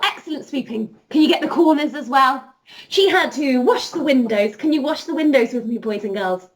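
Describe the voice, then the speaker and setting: This high-pitched woman, performing as a princess entertainer, leads young children through an interactive story. Her delivery is animated and encouraging, aimed right at them.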